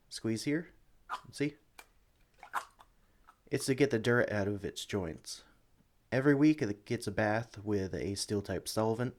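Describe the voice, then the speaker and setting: In a one-sided ASMR roleplay, a man with a lowish voice plays a friendly, excitable young sanctuary employee showing a new recruit around. He is chatty, eager and apologetic, with hesitations, as he talks to the listener.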